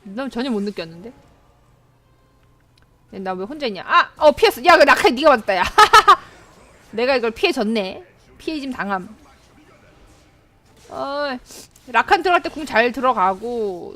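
A young woman streaming a game live, chatting with her teammates, excitable, and given to shrieks and laughter when startled. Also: high-pitched, normal speed. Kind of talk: live gameplay commentary.

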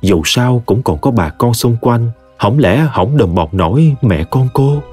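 A man's voice: medium pitch, unhurried, slightly rough, faint music behind. A man, expressively narrating a scripted horror story. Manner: expressive, vivid.

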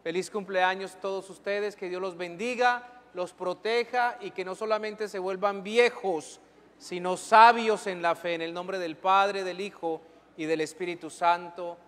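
A man's voice: high voice, fairly even intonation, unhurried, fairly bright tone. A man, a priest, leading Mass and giving announcements to the congregation, filmed from a far camera in a large church. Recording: long church reverb.

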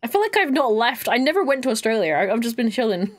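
A woman's voice: fairly high pitch, sing-song, fast. A woman streaming a game, chatting casually with viewers and a friend and laughing often. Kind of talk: casual live-stream chat while gaming.

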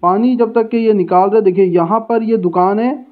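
Guy vlogging food, fairly high voice, tinny phone-line sound. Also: normal speed. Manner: chatty, guiding the viewer along. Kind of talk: casual walking food-vlog narration. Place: outdoor street and busy food shop. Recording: tinny phone-like street recording.

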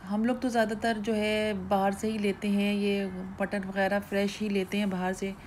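With a slightly mellow, mid-range voice at an ordinary speed, a woman food vlogger narrates a relaxed shopping tour of a supermarket, describing the shelves as she goes. Her tone stays level, and there's a faint hiss or hum on the recording.

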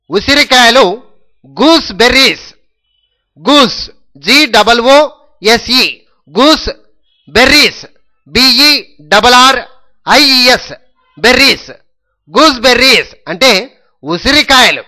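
A male English teacher with a Telugu accent, speaking in a very high, bright voice. He moves slowly and patiently, spelling every word letter by letter and repeating it several times so that students can copy it down. His delivery is steady and methodical, like a classroom dictation. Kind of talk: slow spelling lesson in Telugu.

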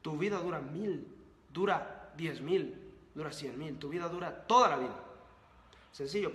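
A man hosting a book-summary channel delivers a motivational monologue packed with repeated rhetorical questions and lists. His voice is high-pitched and fairly bright, and the recording has a roomy echo with long reverb.

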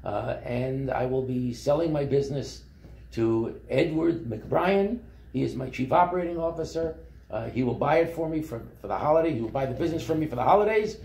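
A man, telling his life story in a relaxed, rambling way with many fillers and restarts. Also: medium pitch, fairly quick, roomy sound. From Brooklyn, New York. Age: 70s. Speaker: company founder. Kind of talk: interview storytelling. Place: office meeting room.

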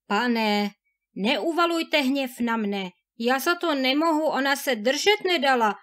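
A woman reading a fairy tale aloud, voicing an anxious village innkeeper who explains slowly and apologetically. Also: sits high, animated, fairly bright tone. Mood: apologetic.

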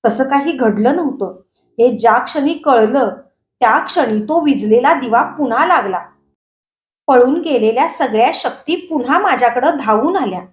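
Woman reading a story out loud, high pitched, steady and dramatic, roomy echo. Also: normal speed. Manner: steady dramatic storytelling, rising for shouted quotes. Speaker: story reader. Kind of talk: reading a Marathi short story aloud.

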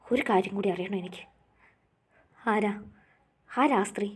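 A woman's voice: mid-range voice, a little slow, husky. A woman voicing a tearful, pleading young bride-to-be in a storybook reading. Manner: pleading, distraught. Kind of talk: storybook narration.

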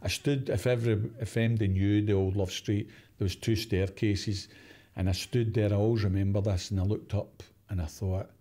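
A Glaswegian man in his sixties, an interview guest and former footballer, telling stories in a casual, animated way, acting out quotes and laughing often. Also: on the low side, moderate pace. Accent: Glaswegian Scottish. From Glasgow, Scotland.

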